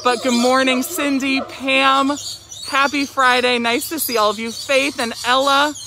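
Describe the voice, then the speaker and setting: Excited masked woman presenting over noisy bird calls. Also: high voice, measured pace. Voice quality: slightly muffled through a face mask. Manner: excited, chatty, exclaiming. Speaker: zoo educator hosting a live animal show. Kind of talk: upbeat live-stream presenting. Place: outdoor zoo by a lorikeet aviary. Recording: very noisy aviary, loud bird and animal calls. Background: loud bird calls and chirping.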